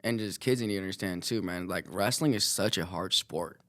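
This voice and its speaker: A man's voice: low voice, brisk, sharp tone. A man who coaches youth wrestling, giving earnest advice in a casual podcast chat. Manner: earnest advice, frequent agreeing "yeah".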